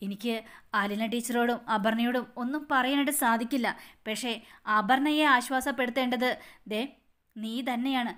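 A woman's voice: fairly high pitch, normal speed, fairly bright tone, lightly acted. A woman voicing a resolute young man who speaks firmly and sternly. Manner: firm, stern. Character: young man, resolute hero turning angry.

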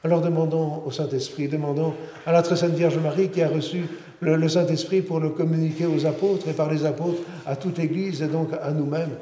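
Speaking earnestly in a sermon, a middle-aged priest keeps fairly even intonation at a brisk pace, his high-leaning voice carrying a dark tone. He restarts and repeats himself often, and the large church adds long reverb along with slight background noise.

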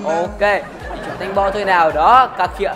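A woman's voice: medium pitch, fairly even intonation, moderate pace, crowd noise. A woman hosting a gaming channel, giving playful, teasing commentary as she plays, laughing often. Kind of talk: casual game commentary. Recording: game music behind the voice.

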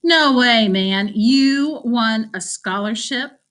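A woman's voice: high-pitched, big pitch swings, normal speed, bright, forceful tone, voice pushed up, heavily acted. Woman voicing a blunt teenage boy. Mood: scoffing.

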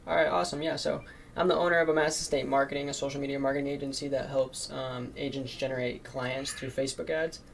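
A teenage man with a gravelly, fry-heavy voice pitches his marketing service on cold calls, with a faint hiss behind him. He talks nervously, filling gaps with "um" and "like". His voice sits at an ordinary pitch for a man. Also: fairly even intonation, fast. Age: teens. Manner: nervous, lots of fillers like "um" and "like". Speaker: marketing agency owner cold calling. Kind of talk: recorded cold calls and casual commentary.

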